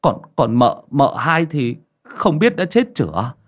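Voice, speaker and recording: A man's voice: medium pitch, big pitch swings, slow pace, voice pushed up. A man voicing a terrified teenage boy servant who stammers in panic. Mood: panicked.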